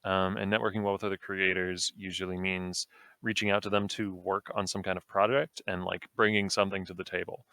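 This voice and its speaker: A young man with a low-set voice, appearing as a guest streamer on a podcast, talks in a relaxed, brisk way, rambling through his thoughts with lots of ums and likes. The sound is close and dry, with no room sound at all.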